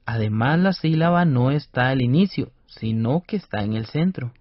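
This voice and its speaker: A man's voice: mid-range voice, animated, moderate pace. A man co-presenting a scripted educational radio lesson, explaining carefully and over-articulating syllables. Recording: dull dry studio radio recording.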